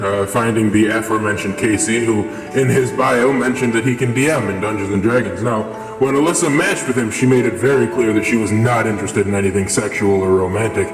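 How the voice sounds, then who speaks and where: A young man rambling through a casual story with lots of fillers, his voice run through a voice changer. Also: on the low side. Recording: echoey with long reverb, music behind.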